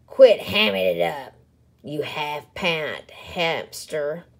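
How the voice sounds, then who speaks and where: A woman voicing a mean, bossy male prairie dog bully with a booming, growling voice in a picture-book reading. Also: animated, extremely slow, gravelly, exaggerated voice. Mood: snarling. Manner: snarling, scornful, commanding.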